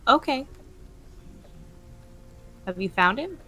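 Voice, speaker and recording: A woman's voice: fairly high pitch, big pitch swings, slow pace, bright, forceful tone, soft background music. A woman playing a tabletop game, chatting in a playful way. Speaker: player. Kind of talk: casual tabletop play.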